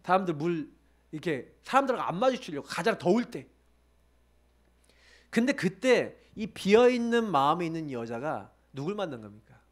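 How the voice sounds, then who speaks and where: A man's voice: high voice, sing-song, normal speed. A man preaching a sermon as pastor, asking the congregation rhetorical questions. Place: church sanctuary.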